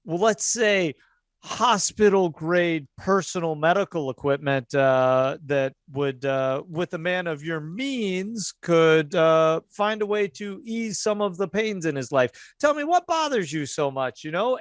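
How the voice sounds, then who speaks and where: A pushy traveling salesman, put on by a man running a tabletop game. He talks in folksy, self-important patter, in a slightly high voice. The sound is close and dry. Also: fairly bright tone, smooth, dry recording. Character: smooth-talking, folksy, pushy male traveling medical equipment salesman. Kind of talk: improvised tabletop role-play.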